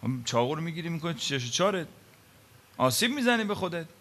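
A man preaching a sermon, telling stories dramatically with rhetorical questions, swinging between loud emphasis and hushed quiet. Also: a little high, big pitch swings.

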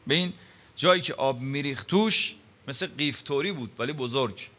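In a high voice, a man preaches a sermon, telling stories dramatically and posing rhetorical questions. He swings between loud emphasis and hushed quiet.

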